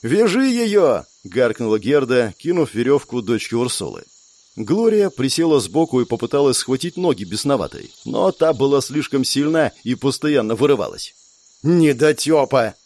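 A man narrating an audiobook in expressive storytelling style. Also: medium pitch, normal speed.

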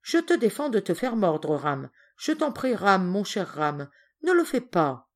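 A woman voicing a gentle, soft-hearted little girl who speaks earnestly and pleads. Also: medium pitch, sing-song, moderate pace. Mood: pleading.

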